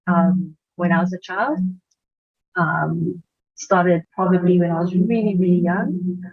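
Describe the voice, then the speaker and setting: Soft-spoken woman on a dull call. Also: on the low side. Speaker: game design lecturer. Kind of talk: panel introduction on a video call. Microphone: video call with camera off.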